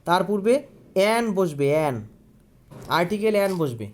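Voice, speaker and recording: A man's voice: high voice, expressive, moderate pace, darkish tone. A man teaching an online grammar lesson. He asks questions, answers them himself and repeats key words.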